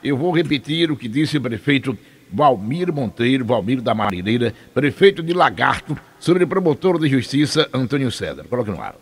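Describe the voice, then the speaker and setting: Brisk male radio host. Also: mid-range voice, big pitch swings, slightly rough. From Brazil. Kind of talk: morning radio interview.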